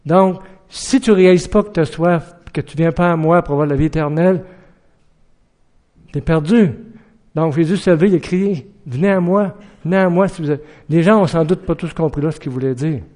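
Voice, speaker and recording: Earnest preacher. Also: male voice, on the high side, normal speed. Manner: earnest, rhetorical questions, acts out shouted warnings. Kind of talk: sermon.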